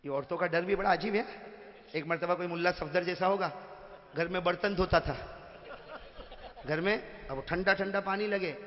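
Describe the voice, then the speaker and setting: A man giving a lively, joking sermon to a gathering, calling out to the crowd and swinging from soft talk to shouting. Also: sits high, pauses often. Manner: calls out to the crowd for answers. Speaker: preacher. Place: large hall with a live gathering. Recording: echoey, muffled hall recording.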